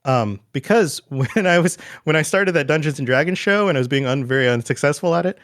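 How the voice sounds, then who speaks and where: A man talking as a guest on a podcast in an easygoing, conversational way. He rambles a little, fills pauses with "like" and "you know," and acts out little quoted remarks as he goes. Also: a little high. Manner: relaxed and chatty, with many fillers and quoted asides. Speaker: guest, podcast network founder. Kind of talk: casual interview chat.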